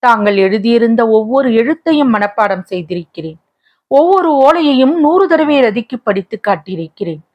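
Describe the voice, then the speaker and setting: A woman's voice: fairly high pitch, expressive, normal speed, lo-fi sound. A woman voicing a tearful lovelorn young woman. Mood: wistful. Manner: plaintive, pleading tone.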